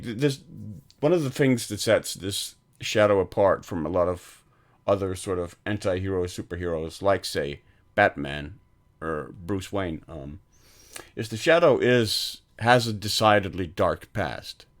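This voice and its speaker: A man with a low voice co-hosts a film podcast, talking in an unhurried, casual way. He tends to ramble, peppering his speech with "like" and "um."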